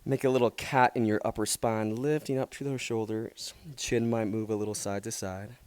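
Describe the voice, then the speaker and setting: A man teaching a power yoga class, giving calm, encouraging step-by-step cues and gentle praise. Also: lowish voice, moderate pace, clear, resonant tone. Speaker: yoga instructor. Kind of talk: guided yoga class instruction.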